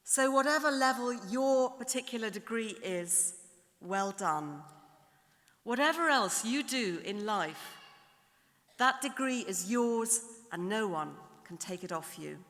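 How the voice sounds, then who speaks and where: A middle-aged woman giving a formal, measured graduation address from a podium, building her points through lists and repetition in a large ceremony hall. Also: fairly high pitch, expressive, a bit bright. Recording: long hall reverb in a large hall.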